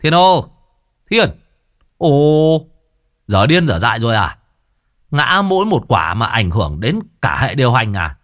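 A man voicing a gruff older man yelling and mocking from a gate. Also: mid-range voice, very animated, unhurried, long pauses, no echo, studio quality. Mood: mocking shout. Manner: shouting, mocking.

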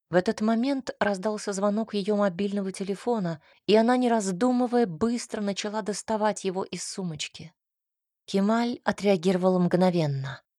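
A woman reading a novel aloud in measured scripted narration. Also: medium pitch, dark tone, dry recording, studio quality. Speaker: audiobook narrator.

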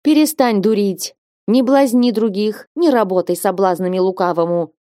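A woman's voice: mid-range voice, normal speed, mellow, no echo, studio quality, lightly acted. A woman voicing a strict older woman who firmly admonishes an unruly nun. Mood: admonishing. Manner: firm, admonishing.

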